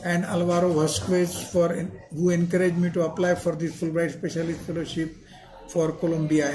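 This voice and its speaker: An older man, a professor giving a slide lecture, reading out points in a halting way and repeating words. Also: high-pitched, mellow. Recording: clearly noisy background.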